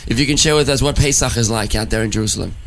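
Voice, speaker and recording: A man hosting a radio talk show as a rabbi, chatty and quick, with many restarts. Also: medium pitch, a bit bright. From United States.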